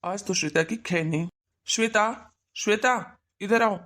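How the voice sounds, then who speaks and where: Cartoon role: hot-tempered husband, thirties, voiced by a woman, mid-pitched voice, stern scolding delivery. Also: normal speed, a bit bright, lightly acted. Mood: angry.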